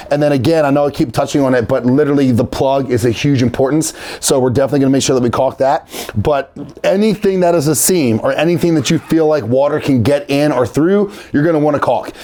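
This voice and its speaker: Man, DIY vlog host, casual how-to talk, informal, medium pitch. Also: darkish tone. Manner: informal, addresses viewers as guys. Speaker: host of a DIY video series.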